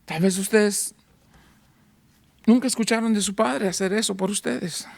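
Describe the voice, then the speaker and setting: A man preaches with fervent emphasis, pressing the same phrases again and again to hold his congregation's attention. He lifts his voice to stressed peaks, then sinks into a hushed, close, intimate tone. The sound is dry and direct, with almost no room around it. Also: unhurried, vocal fry, no echo. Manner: swings from raised, stressed climaxes to a soft, low, intimate tone. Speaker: pastor. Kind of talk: evangelical sermon.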